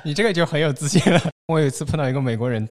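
A man's voice: a little high, racing. A man from Shanghai in casual podcast chat, joking and teasing, with English words thrown in.

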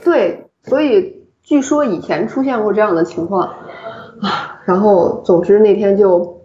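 A woman in casual podcast chat, recounting a story from her hospital work with lively asides and frequent laughter. Her voice sits at a middling pitch. The recording is roomy and a little dull. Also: measured pace. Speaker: obstetrician and podcast co-host.

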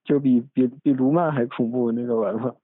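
A male podcast host with a mid-range, steady voice rambles fairly quickly through a casual academic chat, full of restarts and asides. He's recorded on a phone in a room at home, so the sound is tinny and dry.

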